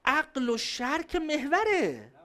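A woman giving a lively religious lecture on family and parenting to a live audience. She speaks conversationally and answers questions from the audience. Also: high voice. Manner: emphatic, conversational, acting out quoted voices.

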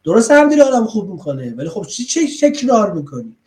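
A man with a somewhat high but warm, soft-toned voice teaches a parenting class online, speaking into a computer mic. He talks in a chatty, explanatory manner and keeps asking his listeners questions to check they are following. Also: sing-song. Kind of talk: online lecture.

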